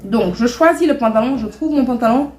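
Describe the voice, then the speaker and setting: Young woman doing a storytime vlog, kinda high voice, indignant, echoey room. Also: expressive, brisk, a little mellow. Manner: chatty and indignant, mixing in English and Wolof. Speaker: vlogger.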